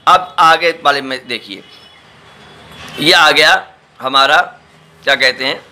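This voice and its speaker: Bright-voiced imam drawing out letter sounds. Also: male voice, a little high, slight background noise. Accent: Delhi Hindustani. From India. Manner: repeats each letter slowly, often checks with "ठीक है" and "समझे". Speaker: imam teaching Quran letters. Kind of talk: patient step-by-step recorded lesson.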